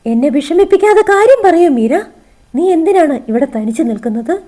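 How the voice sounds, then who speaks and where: A woman's voice: high voice, very animated, brisk, dark tone, voice pushed up. A woman reading the part of a worried grown man and father, speaking anxiously and pleadingly.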